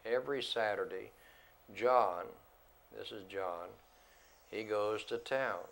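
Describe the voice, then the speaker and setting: A man teaching an English grammar lesson to a class, slow and deliberate, repeating words and switching between English and Spanish. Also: lowish voice, creaky, fairly bright tone.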